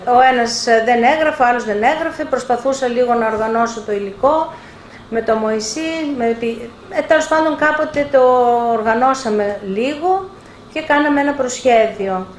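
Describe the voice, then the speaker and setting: Older woman, publisher, animated anecdote-teller; slightly high voice, roomy echo. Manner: animated anecdotes with acted-out dialogue. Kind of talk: storytelling in a live interview. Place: bookshop event room. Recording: echoey room, faint background noise.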